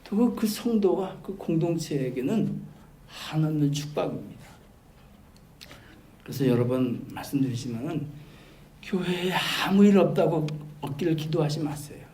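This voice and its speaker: A male pastor preaching a sermon. He turns from loud, emphatic exclamations to soft, quiet asides. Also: on the high side, expressive, normal speed. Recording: roomy church hall with faint background noise.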